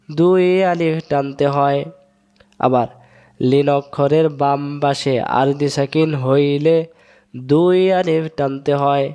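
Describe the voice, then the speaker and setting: Man, Bangladeshi Bengali accent, slightly high voice, patient teacher, repeats rules, asks and answers himself. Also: a little mellow, clear, resonant tone. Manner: repetitive, drilling rules and asking then answering his own questions. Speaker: Quran teacher. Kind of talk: step-by-step recitation lesson. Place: room, writing on a board in front of a camera.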